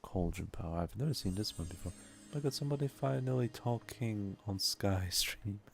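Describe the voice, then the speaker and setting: A man's voice: lowish voice, normal speed, creaky. A man whose first language is Turkish, chatting casually with viewers while streaming a game and musing aloud.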